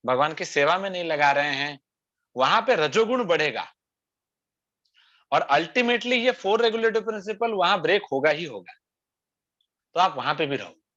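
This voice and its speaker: A man's voice: a little high, expressive, normal speed, pauses often, pushed and bright. A man preaching a scripture discourse in a conversational way, often tagging lines with rhetorical asides. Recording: dull lo-fi sound.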